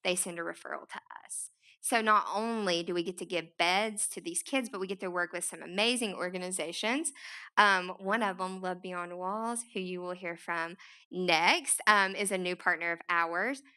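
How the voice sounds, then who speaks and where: A woman's voice: fairly low pitch, normal speed, sharp tone, clear, resonant tone. A woman with an East Tennessee Appalachian Southern accent giving an informal, chatty, self-deprecating talk as a nonprofit founder. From East Tennessee, United States. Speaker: nonprofit founder speaking to an audience. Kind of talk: informal, conversational public talk.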